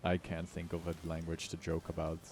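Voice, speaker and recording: With a low, darkish voice and a completely flat delivery, a US game streamer talks fairly quickly over background music. There's slight background noise as he jokes in slang and grumbles in mock-dramatic fashion during his casual livestream chat.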